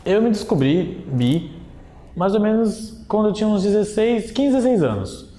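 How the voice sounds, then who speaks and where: A man's voice: sits high, very animated, normal speed, mellow. A nineteen-year-old man with a Brazilian accent, telling his story in a casual, slangy way. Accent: Brazilian Portuguese. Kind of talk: personal testimony. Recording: echoey room, faint ambience.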